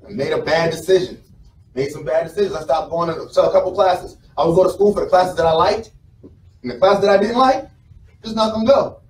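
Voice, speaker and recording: An American motivational speaker from South Carolina gives an informal talk to a live audience in an indoor conference room with a small stage. His fairly high, quick, slightly mellow voice is conversational and story-driven, repeating phrases for emphasis. A camera mic several meters away in the audience makes it roomy and distant, with some background noise.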